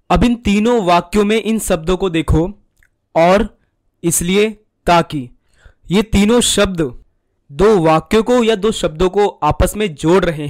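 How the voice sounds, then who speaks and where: A man narrating a scripted Hindi grammar lesson, listing examples one by one in a measured way. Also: high voice, dry recording.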